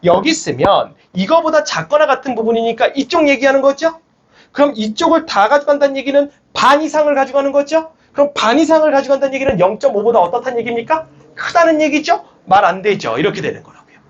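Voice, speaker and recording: A man's voice: very high voice, fast, muffled recording. A young man teaching a math academy class, coaxing and rallying his students through the lesson. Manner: lively, coaxing, rallies students with shouts. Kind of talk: classroom lecture. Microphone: speaker amplified mic.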